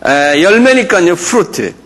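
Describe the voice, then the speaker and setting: Korean pastor guy teaching a class, slow and sing-songy, keeps asking "yes?". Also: sits high, very animated, fairly bright tone. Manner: teacherly, drills English words and asks the audience to repeat; many fillers and restarts, frequent "예?" check-ins. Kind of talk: Bible lecture to a congregation. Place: church or mission center lecture room.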